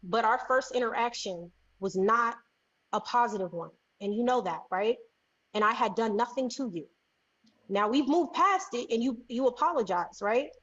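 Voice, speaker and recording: A woman's voice: a little high, animated, normal speed, a bit bright, husky, muffled recording. A woman on a panel of an online group discussion, insistent about getting her turn to speak, her audio glitching and cutting out. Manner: insistent, keeps asking to speak. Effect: audio cutting out, glitchy connection. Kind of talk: heated live group chat.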